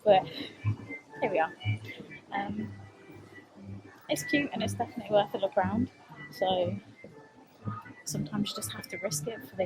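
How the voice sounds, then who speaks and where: A woman's voice: mid-range voice, low-quality recording. A British woman in her thirties chatting to her camera in a self-mocking, giggly way. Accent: British English. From Britain. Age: 30s. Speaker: vlogger. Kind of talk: casual vlog narration to camera. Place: outdoors in a crowded theme park. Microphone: handheld camera. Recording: loud park crowd and music behind.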